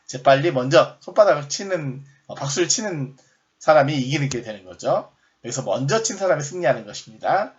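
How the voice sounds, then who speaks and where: A man teaching recreation games in a recorded lecture, explaining step by step, rephrasing often and shouting sample game calls. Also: fairly high pitch, animated, a little fast, muffled recording, a little hiss or hum. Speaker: recreation instructor.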